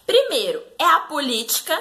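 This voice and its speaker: Brazilian woman, etiquette vlogger; high, bright, chatty, talks straight to viewers. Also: huge pitch swings, moderate pace. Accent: Brazilian Portuguese. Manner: chatty, keeps addressing the audience directly. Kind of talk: casual advice talk to viewers.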